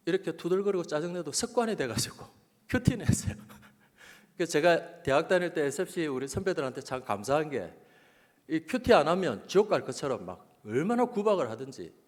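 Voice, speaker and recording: A man's voice: a little high, darkish tone. A middle-aged man, a pastor, tells a personal story in a sermon, with his voice climbing and dropping with emotion. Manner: emotional storytelling testimony, rising and falling. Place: church sanctuary. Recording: long church hall reverb.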